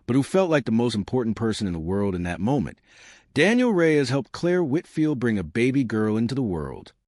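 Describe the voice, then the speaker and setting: A man with a lowish voice delivers a suspenseful, scripted dramatic story, turning to address listeners directly. There's no echo, just clean studio sound.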